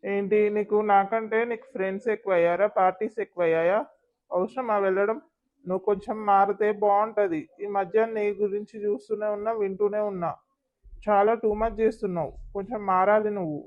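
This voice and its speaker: A woman's voice: mid-range voice, fairly even intonation, a little fast, darkish tone, natural voice. A woman voicing a stern young village husband, lecturing his wife reproachfully. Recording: slightly dull lo-fi sound.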